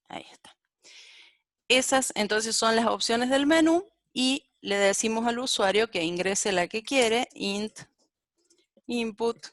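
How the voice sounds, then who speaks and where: A woman's voice: mid-range voice, vocal fry, dry recording, clean studio sound. A woman giving a live-coding programming lecture and thinking aloud as she types and corrects herself. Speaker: programming teacher.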